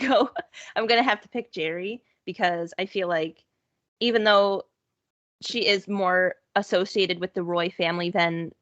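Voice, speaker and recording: In a relaxed podcast conversation, a woman co-host speaks in a mid-range, fairly bright voice with no room sound. Her talk is chatty and loose, full of "like" and "sort of," and she laughs readily. The recording has a dull, lo-fi quality.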